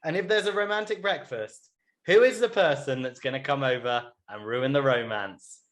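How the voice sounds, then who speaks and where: A man's voice: mid-range voice, moderate pace, a little hiss or hum. A man hosting a podcast, chatting casually and with teasing, giggly energy about a reality show. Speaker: podcast host.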